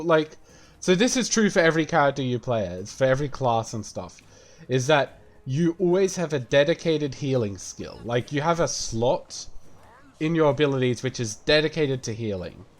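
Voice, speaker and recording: A man's voice: a little high, lively intonation, normal speed. A man casually explaining a game while playing it, rambling and swearing as he talks. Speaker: game streamer. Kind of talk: gameplay commentary.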